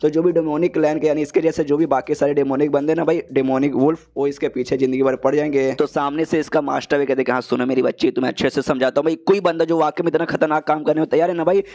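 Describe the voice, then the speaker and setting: A man's voice: on the high side, level tone, quick pace, hardly any pauses, a little mellow. A man retelling a comic story in a chatty, casual way, calling the listener "brother" again and again. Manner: chatty, says "bhai" in nearly every line. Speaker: manhwa recap narrator.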